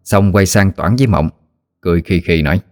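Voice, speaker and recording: A man with a Southern Vietnamese accent narrating a ghost story in a steady, plain manner. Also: sits low, fairly quick, dry recording, clean studio sound.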